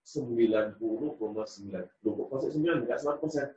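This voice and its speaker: A man's voice: medium pitch, quick pace, mellow. A male preacher giving a sermon, telling a story dramatically and acting out its voices. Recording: distant, roomy, dull sound.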